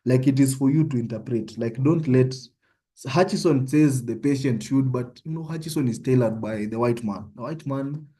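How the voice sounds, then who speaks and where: Mellow and mid-range, at a moderate pace, this young man from Kenya speaks with a Kenyan accent while running an informal online medical tutorial. He keeps it conversational, frequently checking in with "yeah?".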